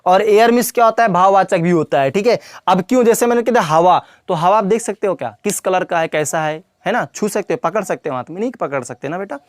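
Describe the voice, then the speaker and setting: A man's voice: high voice, fast talker, few pauses, dry recording. A man teaching English grammar in a classroom lesson, repeating points and quizzing the viewer with questions, calling them brother and child.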